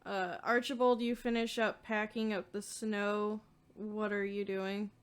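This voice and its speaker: A young woman in the role of dungeon master, calmly narrating scenes and asking players what they do. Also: medium pitch, measured pace, clear, resonant tone. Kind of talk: narrating a tabletop game.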